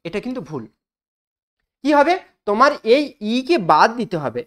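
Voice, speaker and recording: A woman teaching an English grammar lesson in style, asking her students questions and repeating each rule slowly for emphasis. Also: medium pitch, big pitch swings.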